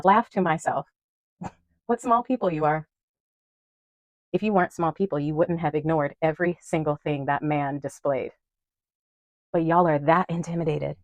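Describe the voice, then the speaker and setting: A young woman speaks straight into her camera at home, defiant and blunt, laughing between her points. Her voice sits on the lower side, and the sound is dry and close. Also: dry recording. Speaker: vlogger. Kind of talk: impassioned commentary to camera. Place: room at home in front of a wall of photos.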